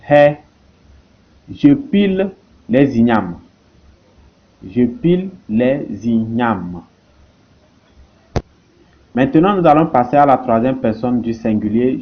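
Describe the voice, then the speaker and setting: A man teaching a language lesson, who slowly repeats each example word and phrase. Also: medium pitch, highs cut off.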